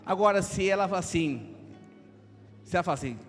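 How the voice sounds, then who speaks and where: A Brazilian man in his thirties, a pastor preaching a lively sermon with jokes and acted asides. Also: sits high, fairly quick. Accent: Brazilian Portuguese. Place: church hall. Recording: long hall reverb, faint music.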